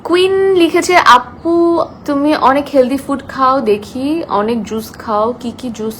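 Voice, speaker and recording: A soft-spoken young woman chatting casually on a live stream, reading out viewer comments and mixing English into her talk. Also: high voice, takes it slowly, a little hiss or hum, poor audio.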